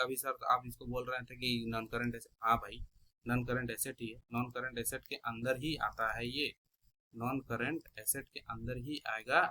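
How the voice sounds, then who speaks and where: A man's voice: medium pitch, bright, forceful tone, poor audio. A man teaching an accounting class, asking his students questions and answering them himself, repeating the key terms. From India. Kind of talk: classroom lecture explaining terms.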